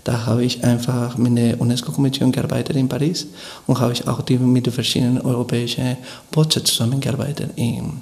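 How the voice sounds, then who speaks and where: Man, Spanish speaker, gravelly voice, halting radio interview guest. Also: mid-range voice, level tone, a little mellow. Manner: hesitant, searching for words with restarts. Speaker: guest, Spanish course teacher.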